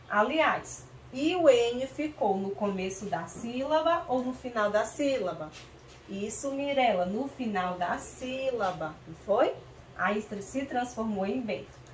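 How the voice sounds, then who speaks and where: Northeastern brazilian woman teaching little kids, slow and clear, kinda high voice, roomy far-off sound w/ faint hiss. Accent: Brazilian Portuguese, northeastern. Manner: clear, drawn-out syllables, asks children by name. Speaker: primary school teacher. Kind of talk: slow, patient literacy lesson for young children. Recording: roomy, distant mic with faint noise.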